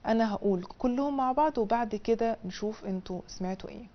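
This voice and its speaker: A woman's voice: quick pace, highs cut off. Egyptian woman teaching on TV. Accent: Egyptian Arabic. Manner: drills syllables in a high sing-song, then explains in colloquial Egyptian Arabic. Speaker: Chinese language teacher. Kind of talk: televised language lesson. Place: television studio.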